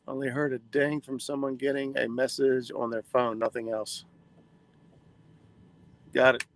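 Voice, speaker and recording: A man's voice: medium pitch, little pitch movement, measured pace, poor audio. A man in his forties hosting a fishing livestream from a boat, chatting casually and reading viewer comments. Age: 40s.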